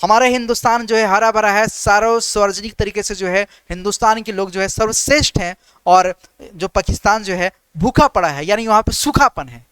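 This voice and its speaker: A man teaching an exam-prep reasoning class online, firing quick questions about letter positions and answering them himself in a steady call-and-response drill. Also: sits high, clear, resonant tone, no echo. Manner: repeats "ठीक है" as a filler. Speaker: reasoning teacher for government exams.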